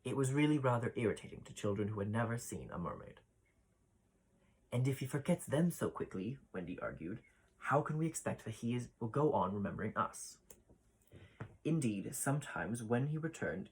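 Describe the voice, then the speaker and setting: A man reading a classic children's story aloud, voicing the children's lines with brighter lifts. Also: medium pitch, slightly rough, low-quality recording. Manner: expressive reading, voices the children's dialogue with lifts. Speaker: ballet dancer reading a children's book aloud.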